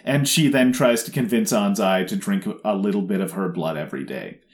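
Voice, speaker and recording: A man co-hosting a casual recap chat, sarcastic and rambling, mocking the scenes he describes. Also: on the low side. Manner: sarcastic, rambling, mocks scenes with quick put-on voices. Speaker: podcast co-host.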